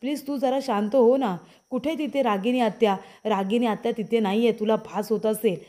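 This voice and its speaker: A woman voicing a young husband who keeps calming his wife and coaxing her to stay quiet. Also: on the high side, normal speed, lightly acted. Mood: soothing. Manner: soothing, coaxing, repeating pleas.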